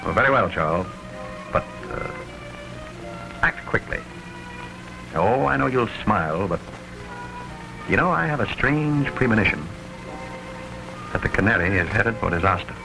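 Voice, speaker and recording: Gravelly urbane gentleman sleuth, early talkie. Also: on the low side, lively intonation. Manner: measured, urbane, deliberate diction. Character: composed, worldly gentleman amateur criminologist. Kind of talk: early talkie film acting. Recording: crackly 1929 film soundtrack with music.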